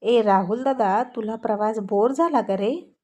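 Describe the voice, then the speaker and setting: Woman playing playful teasing lad, high mellow tone. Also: unhurried. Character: cheeky teasing young man.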